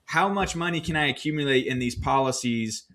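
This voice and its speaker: A man co-hosting a podcast, recounting his own finance choices in a relaxed, storytelling way with plenty of fillers. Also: mid-range voice, fairly quick. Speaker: podcast co-host. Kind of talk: casual podcast discussion.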